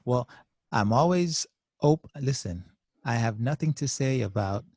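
A man co-hosting a podcast as a clinician, talking through ideas in a thoughtful, measured way with hesitant restarts. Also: mid-range voice, lively intonation, a little mellow, no room sound, studio quality. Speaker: podcast host, clinical social worker. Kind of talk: casual podcast discussion.

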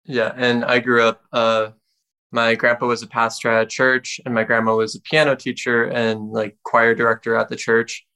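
A young man from Wisconsin, a musician guest speaking in a relaxed, reflective way. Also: mid-range voice, normal speed, smooth. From Wisconsin, United States. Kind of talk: casual interview talk.

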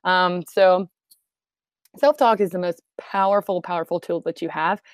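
A woman's voice: fairly low pitch, steady tone, measured pace, no echo. A woman explaining mental performance for athletes in a chatty, conversational way, often asking "right?". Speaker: sports psychology guest.

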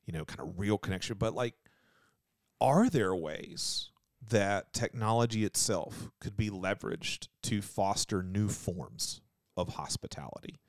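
A man's voice: fairly low pitch, lively intonation, unhurried, no room sound, studio quality. A man co-hosting a church podcast, thinking aloud in a rambling, casual way. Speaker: podcast co-host. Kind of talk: casual discussion.

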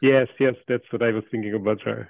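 A man in his fifties from Hungary, speaking English with a Hungarian accent over a tinny, phone-like line. The sound is dry and close, with no room around it. He talks in a thoughtful, halting way, restarting phrases and laughing softly. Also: lowish voice, steady tone, creaky, dry recording. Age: 50s. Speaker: AI researcher, guest. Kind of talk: casual interview talk. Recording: dry tinny call audio.

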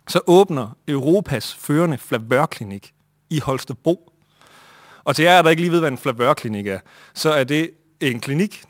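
Animated man telling a comic story. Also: fairly high pitch, no room sound, studio quality. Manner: animated, comic, acts out other people. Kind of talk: live storytelling.

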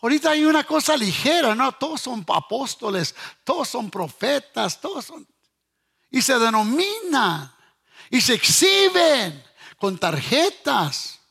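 Hombre predicador de voz aguda y ronca. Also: male voice, extremely high pitch, sing-song, unhurried, vocal fry, husky. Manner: emphatic, repeats lines and questions listeners; sometimes shouts and half-sings phrases. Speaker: preacher. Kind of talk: sermon.

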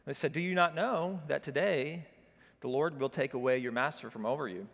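A middle-aged man from Oklahoma, preaching a sermon as an animated storyteller whose energy rises as he gets excited. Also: medium pitch, normal speed, gravelly. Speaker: pastor. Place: church hall. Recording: long reverb of a church hall.

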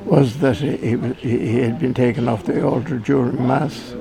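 A man telling a family story in an informal interview, with a hesitant, halting delivery. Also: mid-range voice, steady tone, creaky. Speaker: event attendee being interviewed. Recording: crowd chatter behind the voice. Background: crowd chatter.

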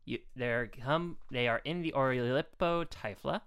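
A woman's voice: rumbling low, moderate pace, clear, resonant tone, no room sound. A woman co-hosting a podcast, explaining animal facts from notes in a casual, matter-of-fact way. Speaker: podcast co-host.

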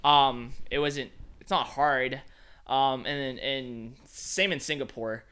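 A Filipino photographer chats casually and laid-back, peppering his speech with "like" and "man." His medium-pitched voice is steady and sharp, moving at a slow pace against slight background noise.

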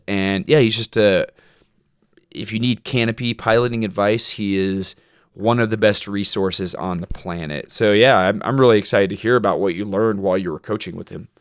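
A man co-hosting a casual podcast, talking in a relaxed, easygoing way and joking at his own expense. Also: on the low side, smooth, dry recording, clean studio sound. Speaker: podcast co-host.

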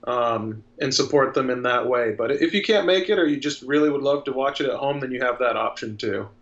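A man's voice: medium pitch, fairly quick, a bit bright. Earnest man, dull lo-fi sound. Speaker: guest filmmaker. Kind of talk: casual interview talk.

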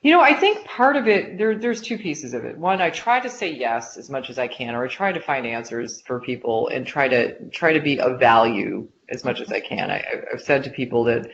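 A woman's voice: rumbling low, animated, moderate pace, few pauses, highs cut off, a little hiss or hum. A woman guest in a conversational interview, chatty and self-deprecating, with lots of "like" and fillers. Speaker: interview guest, business leader.

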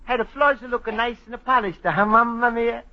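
A man's voice: very high-pitched, fairly even intonation, moderate pace. An actor playing a cheerful Italian immigrant man who writes home to his mother, speaking broken English with an Italian accent and a giggly, sentimental manner, in a 1940s-style radio comedy. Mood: fond. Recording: dull old radio broadcast.

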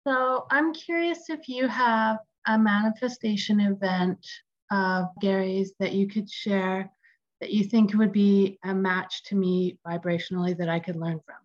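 A woman's voice: medium pitch, fairly even intonation, a little slow. A woman taking part in a group, putting a casual spoken question to a teacher. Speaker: group participant asking a question. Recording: dull, lo-fi remote sound.

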